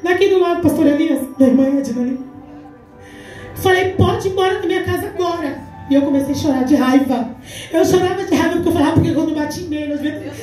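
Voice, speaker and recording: Fast-talking and mellow, with a high voice and a Brazilian Portuguese accent, a deaconess in her forties preaches her testimony emphatically at a church women's congress, acting out recounted dialogue. The sound is echoey and far off in a large hall, faint music underneath.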